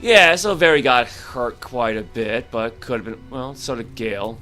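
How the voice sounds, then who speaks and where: A man casually commentates on a game while playing, musing aloud and reacting to each turn in this let's-play. His mid-range voice is a little slow with a sharp tone, and soft music plays underneath.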